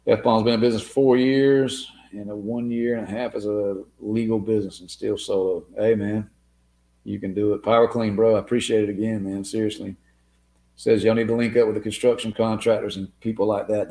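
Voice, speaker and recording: Hosting a casual live Q&A stream, a man answers viewer comments in a laid-back way, calling listeners "man" and "dude." His fairly low, slightly mellow voice is wearing thin, as he is losing it.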